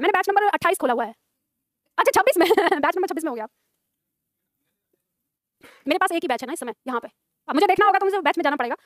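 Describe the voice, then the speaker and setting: Fast, high-voiced woman teacher. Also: no echo, clean studio sound. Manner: chatty, laughing, addresses students directly. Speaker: Hindi teacher. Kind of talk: live classroom lesson chat. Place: classroom with students.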